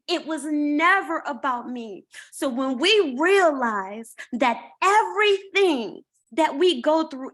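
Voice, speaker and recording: High, slow-preaching woman. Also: bright, forceful tone. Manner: preacherly, rhetorical questions and answers. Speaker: guest speaker. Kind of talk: motivational testimony.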